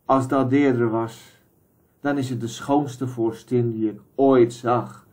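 A man voicing a wounded messenger who speaks slowly and pensively, word by word. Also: mid-range voice, steady tone, natural voice. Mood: wistful. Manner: slow, pensive, measured. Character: dreamy awestruck male messenger, wounded.

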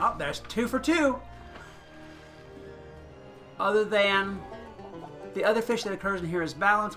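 A man talks his way through a game session in a relaxed, chatty way, thinking out loud and chuckling now and then. His voice sits a little high, with a gravelly edge and a bright, forward tone. Soft game music plays in the background. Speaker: gaming channel host. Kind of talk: casual gameplay commentary.

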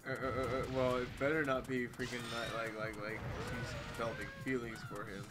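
A man's voice: medium pitch, little pitch movement, fairly quick, very noisy. A young man sitting in on a let's play, laid-back and dry, sometimes stammering as he chimes in. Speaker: guest commentator. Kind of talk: casual gaming chat. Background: game music.

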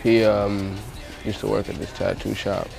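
A man's voice: on the low side, flat delivery, moderate pace, vocal fry, darkish tone. A young man from Long Island talking casually about his past as a rapper, in loose, slangy speech. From Long Island, USA. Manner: laid-back, loose slangy speech with many fillers. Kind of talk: casual interview talk. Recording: music bed behind the voice.

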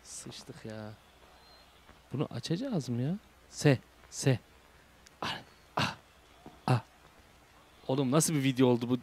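A young man with a Turkish accent doing casual horror game commentary, reading game text aloud and translating it, jumping between hushed whispers and loud shouts. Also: mid-range voice, takes it slowly, pauses often. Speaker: gaming YouTuber. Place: home room. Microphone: desk microphone.

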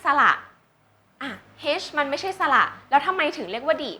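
Woman tutor, high bright voice, slow and patient, drills example words. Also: very animated, a little hiss or hum. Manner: patient, checks understanding with questions; drawn-out English words for learners to repeat. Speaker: English tutor. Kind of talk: slow teaching with example sentences.

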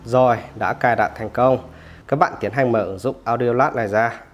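A man hosting a phone tutorial, explaining each step casually and often pausing with "rồi" between steps. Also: mid-range voice, highs cut off. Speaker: tech tutorial host.

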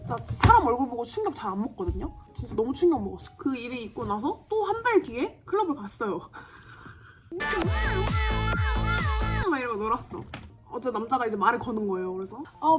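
A young woman in her twenties telling a story in a casual, animated way while doing her makeup, acting out the lines of people in it. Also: high-pitched. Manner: chatty, animated, acts out quoted lines. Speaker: beauty vlogger.

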